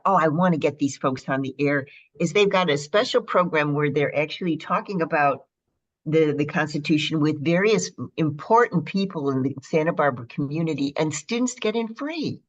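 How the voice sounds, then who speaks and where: Her voice sitting low and animated, a Midwestern American woman hosts a radio interview at a normal pace, bubbly and talkative with frequent fillers. The sound is lo-fi.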